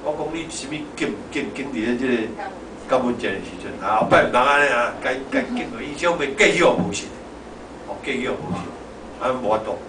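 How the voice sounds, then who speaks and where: A man's voice: medium pitch, animated, a little fast. A middle-aged or older male pastor with a Taiwanese Hokkien accent gives an informal, conversational sermon, exhorting and repeating his phrases. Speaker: pastor preaching. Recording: echoey hall, distant mic, noisy background.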